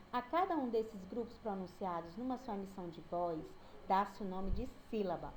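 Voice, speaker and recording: A woman's voice: mid-range voice, a little mellow, a little hiss or hum, low-quality recording. A woman teacher with a Brazilian accent giving a recorded online lesson, patiently sounding out each syllable. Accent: Brazilian Portuguese.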